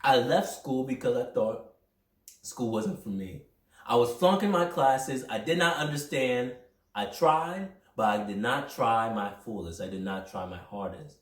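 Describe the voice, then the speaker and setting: A man's voice: medium pitch, unhurried. Young man talking in a roomy echo. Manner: energetic, rambling, self-reflective. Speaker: podcast host. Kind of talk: personal motivational monologue. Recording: roomy echo, mic at a distance.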